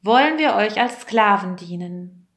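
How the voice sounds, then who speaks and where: A woman's voice: medium pitch, expressive, unhurried, fairly bright tone. A woman voicing protesting brothers. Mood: indignant. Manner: indignant, pleading. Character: group of frightened, protesting brothers.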